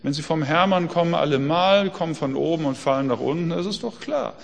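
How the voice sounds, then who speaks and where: A man's voice: fairly high pitch, expressive, fairly quick, vocal fry, in a large hall. A man preaching a sermon in a conversational way, full of rhetorical questions.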